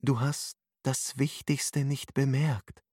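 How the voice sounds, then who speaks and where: A man's voice: medium pitch, level tone, slow, darkish tone, slightly rough, dry recording, clean studio sound, voice pushed up. A man voicing a patient, caring woman who guides and soothes, in an audiobook. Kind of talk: audiobook narration.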